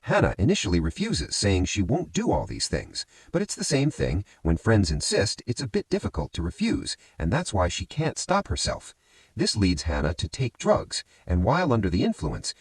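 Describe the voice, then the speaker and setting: Lively low-voiced man recapping a movie. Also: normal speed, dry recording. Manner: addresses listeners as friends, lively rising and falling delivery.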